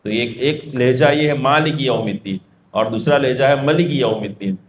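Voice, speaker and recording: A man preaches in a storytelling way, explaining points through everyday examples and asking and answering his own questions. His voice sits at a middle pitch. It carries a roomy echo over a faint background hiss. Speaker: religious preacher. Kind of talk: storytelling sermon.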